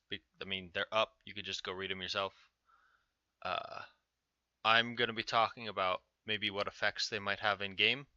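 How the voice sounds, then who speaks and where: A man's voice: on the low side, bright, forceful tone, smooth, dry recording. A man giving informal, offhand commentary on game patch notes as a video host. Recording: dull, narrow-band sound.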